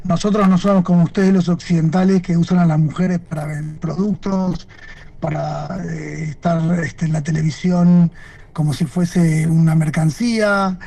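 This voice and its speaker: A man's voice: fairly high pitch, fairly even intonation, moderate pace, creaky, warm tone. A man giving interview answers over a video call, speaking thoughtfully with frequent fillers and restarts. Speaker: guest photojournalist.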